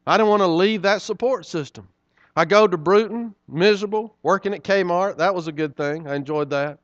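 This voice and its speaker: Preaching at a normal speed, this middle-aged man weaves sermon stories in a folksy, chatty style full of asides to his congregation. His voice is high-pitched, and the audio has no room sound but is dull.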